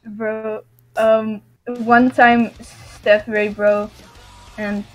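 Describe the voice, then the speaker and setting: A woman chatting casually on a stream, halting and giggly, losing her words. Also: fairly high pitch, little pitch movement, muffled recording, faint music behind.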